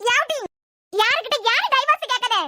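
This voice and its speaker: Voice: very high voice, normal speed, noisy background. A voice artist playing a harshly scolding mother-in-law in a cartoon serial, with a Kanyakumari Tamil accent. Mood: furious.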